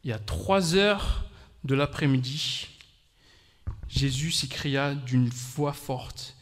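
A man preaching a sermon in short, earnest phrases, pausing for an interpreter. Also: medium pitch, long reverb tail.

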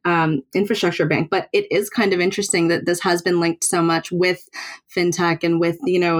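A woman co-hosts a podcast, speaking hesitantly with frequent fillers and restarts. Her voice sits a little low for a woman. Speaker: podcast co-host. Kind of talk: casual podcast discussion.

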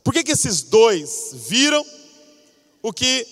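A male preacher delivering a sermon with animated storytelling. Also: extremely high pitch, takes it slowly. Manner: animated storytelling, acting out scenes. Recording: long reverb of a large hall.

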